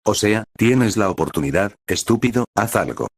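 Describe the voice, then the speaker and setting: Un hombre que pone voz a un chico fanfarrón, quejumbroso y exagerado. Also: male voice, on the low side, expressive, normal speed, husky, no echo, studio quality. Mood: exasperado.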